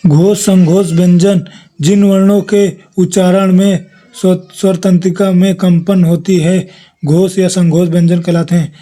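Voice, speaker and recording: Slow, flat-voiced man teaching. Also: sits high. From India. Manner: reads notes aloud, listing letters one by one. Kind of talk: exam revision lesson.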